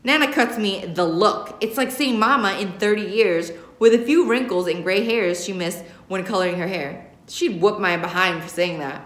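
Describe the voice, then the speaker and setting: Here an American teacher's mid-range voice moves at a moderate pace with few pauses as she reads a young adult novel expressively. The setting is a roomy indoor classroom, with a camera recording from a short distance.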